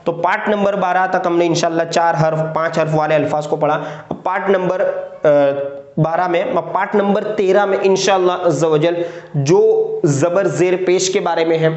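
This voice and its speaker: A man teaching how to write letters and words, speaking patiently, repeating words slowly and checking in with his students as he writes. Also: high voice, fairly even intonation, a little mellow. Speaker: Urdu writing teacher. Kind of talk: spoken lesson explaining letters while writing. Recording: echoey, muffled lo-fi room recording.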